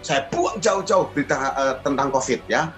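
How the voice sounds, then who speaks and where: A middle-aged man telling a personal testimony in a sermon as pastor, with animated storytelling. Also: mid-range voice, moderate pace, soft background music. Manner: animated storytelling, acts out quoted voices.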